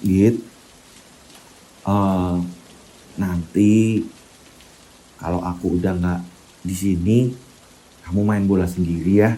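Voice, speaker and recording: A man voicing a quiet, sad elementary schoolboy who talks low and subdued, trailing off. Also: fairly even intonation, slow pace, long pauses, poor audio.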